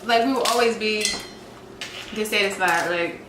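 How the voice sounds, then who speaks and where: A woman's voice: mid-range voice, normal speed, a bit bright, distant mic. Chatty young woman at a mukbang meal. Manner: chatty, eating while talking, many "like" fillers. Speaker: vlog co-host. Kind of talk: casual mukbang chat. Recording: echoey room with clear background noise.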